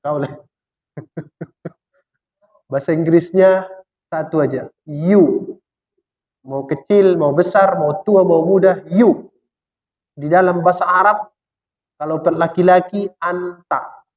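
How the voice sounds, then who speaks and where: A man giving a Quran exegesis lecture, colloquial and humorous, asking questions and answering them himself. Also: high voice. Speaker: Islamic preacher. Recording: dull lo-fi sound in a reverberant hall.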